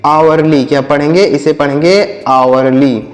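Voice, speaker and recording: Male teacher, higher-pitched, spells and repeats words for kids, recorded in a reverberant room. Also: steady tone, a little slow. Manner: spells words letter by letter and repeats each meaning; calls the children and asks them questions. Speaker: English teacher. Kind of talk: spelling and vocabulary lesson for children. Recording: echoey room with long reverb.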